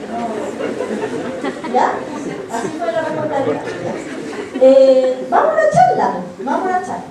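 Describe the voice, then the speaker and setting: A Chilean woman giving a personal testimony at church, telling her story in a lively way and acting out the dialogue. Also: a little high, a little hiss or hum. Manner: animated storytelling, acts out quoted dialogue. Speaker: church speaker. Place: church hall. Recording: very echoey hall, voice far from the mic.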